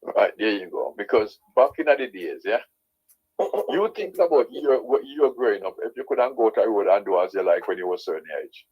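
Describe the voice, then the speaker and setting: A man with a Jamaican accent and a husky voice, ranting as a caller to a radio show, insistently repeating his points with tag questions. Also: on the low side, lively intonation, fairly quick. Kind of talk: opinionated radio call-in rant. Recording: dull lo-fi sound.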